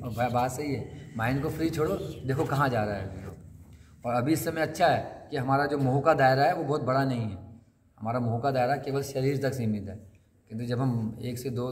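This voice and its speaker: A man's voice: mid-range voice, darkish tone. A man giving a conversational sermon at a scripture class, asking his listeners questions and acting out the lines he quotes. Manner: conversational, asks the audience questions and acts out quotes. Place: temple hall. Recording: long hall reverb, faint noise.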